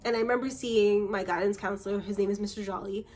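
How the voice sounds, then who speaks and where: A woman's voice: mid-range voice, fairly even intonation, fast talker, a little mellow. A young woman from Canada telling a story to camera in a casual vlog, chatty and acting out the voices of the people in her story. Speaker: vlogger.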